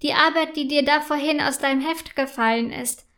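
A woman voicing a caring mother in a children's storybook, soft and reassuring. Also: high-pitched, moderate pace. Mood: amused. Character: caring, gentle mother of a schoolgirl.

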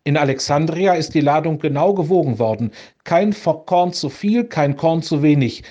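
Big stern bearded sea captain, read by a man, gruff + lower, dull lo-fi sound. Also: animated, normal speed, dark tone.

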